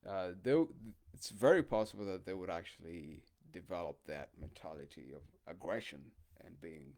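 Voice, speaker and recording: A man's voice: deep voice, moderate pace, a little mellow. A man talking in a casual, rambling monologue full of hesitations and fillers. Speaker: podcast host.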